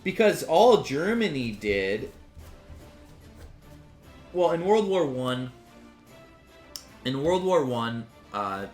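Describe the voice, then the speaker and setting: A man's voice: medium pitch, very animated, slow, long pauses, a little mellow. Guy rambling and cussing over a strategy game, roomy echo, bit of music underneath. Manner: profane, rambling, restarts sentences. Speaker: gaming commentator. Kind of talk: casual rambling commentary. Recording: roomy sound with faint music.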